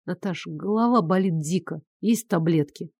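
A woman reader gives us a grown man worn out yet smug, his lines pitched low and hushed. The tone is teasing and close, read in a dry, intimate audiobook voice with no room around it. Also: moderate pace, no echo. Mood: weary. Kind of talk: audiobook character voice.

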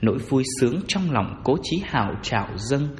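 Sex: man. Role: storyteller. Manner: lively, dramatic. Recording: faint reverb, light hiss. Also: mid-range voice, normal speed. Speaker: narrator. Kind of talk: scripted audiobook narration.

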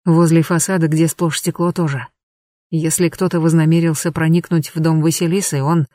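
A woman's voice: level tone, normal speed, dry recording, studio quality, lightly acted. A woman voicing a whispering, cautious man. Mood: hushed. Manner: hushed, low.

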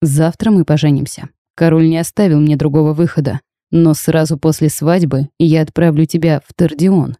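A woman's voice: low-pitched, normal speed, warm tone, no room sound, clean studio sound, close to an everyday voice. A woman voicing a stern, curt dragon groom. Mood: cold threatening. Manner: curt, harsh commands. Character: stern young male dragon groom, cold and threatening. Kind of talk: audiobook reading.

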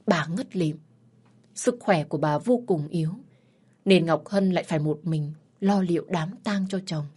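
Husky woman narrating a sad story. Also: lowish voice, darkish tone. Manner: somber, emotional storytelling.

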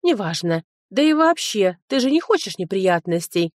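A woman's voice: mid-range voice, big pitch swings, moderate pace, dry recording, studio quality, natural voice. A woman reading an audiobook, voicing a sly, self-serving young man, a former fiancé. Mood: mocking.

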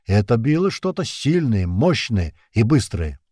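A man voicing a calm, grim male soldier who speaks slowly and deliberately in an audiobook. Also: medium pitch, no echo, studio quality. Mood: grim, measured. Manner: slow, deliberate verdicts.

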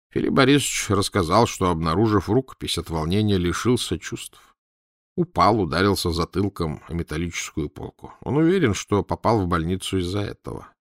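A man's voice: sits low, no echo, clean studio sound. A man voicing a smug, self-satisfied male chief doctor who talks proudly. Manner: proud, gloating.

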